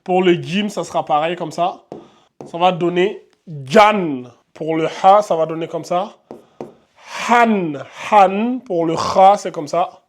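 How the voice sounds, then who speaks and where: A man gives an Arabic reading lesson, his voice sitting a touch high. He drills each letter's sound aloud and keeps checking in with his viewers. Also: a little slow. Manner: addresses viewers directly, frequent checks. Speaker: Arabic teacher. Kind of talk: whiteboard lesson.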